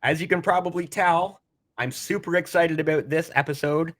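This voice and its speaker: A man's voice: on the high side, moderate pace, a bit bright. A Canadian man hosting a podcast, asking eager, rambling questions of his guest. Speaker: podcast host. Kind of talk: podcast interview.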